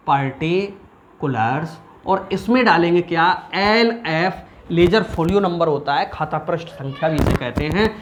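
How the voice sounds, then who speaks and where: A man's voice: on the high side, a little hiss or hum. A male commerce teacher giving an accounting lesson at a board, chatty, asking questions and answering them himself. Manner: chatty, asks and answers his own questions.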